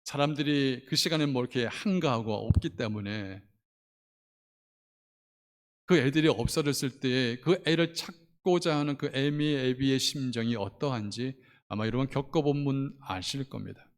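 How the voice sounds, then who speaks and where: A middle-aged man from Korea preaching a sermon as pastor, swinging from loud passionate appeals to hushed storytelling. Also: mid-range voice, moderate pace. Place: church sanctuary. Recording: long church hall reverb.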